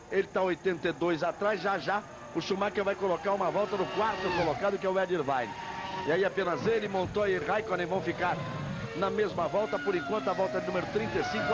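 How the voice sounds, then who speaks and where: A Brazilian man working as a motorsport commentator, calling a live race. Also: high voice. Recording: loud car engine noise behind. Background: racing cars, trackside noise.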